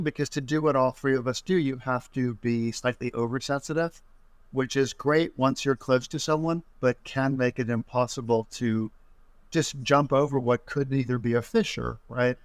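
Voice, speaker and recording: A man's voice: mid-range voice, dry recording. A man as the author guest in a casual interview chat, rambling and self-deprecating, often restarting his sentences.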